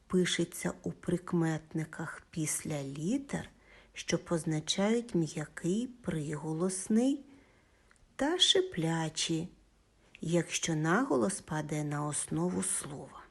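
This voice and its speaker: Female schoolteacher from Ukraine; slow, lively pitch, dictation style with praise. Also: vocal fry, breathy edge. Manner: dictates words slowly, praising the class. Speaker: Ukrainian language teacher. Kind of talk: slow, clearly articulated classroom lesson.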